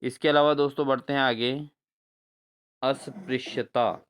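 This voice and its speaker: A man teaching a spelling lesson for exams, repeating each answer back to his viewers and spelling words out slowly syllable by syllable. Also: medium pitch, clear, resonant tone. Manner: repeats answers as questions to viewers, addresses them as friends. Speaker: exam-prep teacher. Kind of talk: spelling lesson for exam prep.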